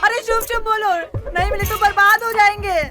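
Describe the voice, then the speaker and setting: An actress playing a distraught village wife who wails and cries out. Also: female voice, little pitch movement, fairly quick. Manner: wailing, shrill. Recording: film soundtrack with background music.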